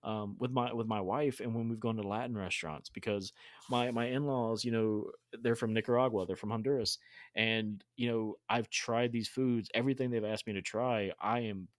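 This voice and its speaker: A man's voice: lowish voice, fairly even intonation, moderate pace, dry recording. A young adult man hosting a podcast interview, talking enthusiastically with frequent restarts. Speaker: podcast host. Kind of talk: casual interview chat.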